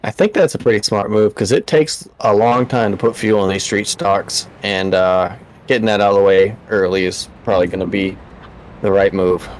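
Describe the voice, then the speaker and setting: A man offering race strategy commentary in a somewhat low voice, calm and analytical with small hesitations. A faint noise sits under his feed. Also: moderate pace, rough recording. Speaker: color commentator.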